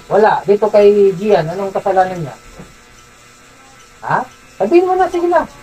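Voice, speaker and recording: A man's voice: high voice, sing-song, moderate pace, dark tone, soft background music, low-quality recording. Insistent faith healer man, commanding. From Zamboanga City, Philippines. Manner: insistent, repeats questions, commanding. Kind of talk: healing session, interrogating a spirit.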